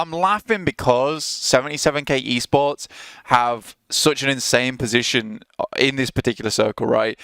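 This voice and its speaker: A man's voice: mid-range voice, gravelly, fairly bright tone, clear, resonant tone, no room sound, studio quality. A man giving live esports commentary, chatty analysis with frequent restarts. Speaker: esports caster.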